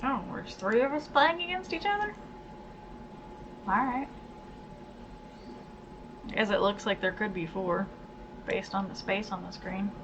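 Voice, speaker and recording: Woman, gaming host, casual muttered commentary, slow talk, steady background hiss. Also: mid-range voice. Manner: muttering, reads card text aloud, grumbles at the game. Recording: dull lo-fi sound with steady noise.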